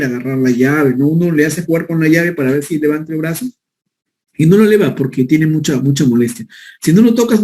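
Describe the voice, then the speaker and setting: A man's voice: on the high side, warm tone. A man giving a medical lecture, explaining step by step and often checking in with his listeners. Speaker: physician lecturer.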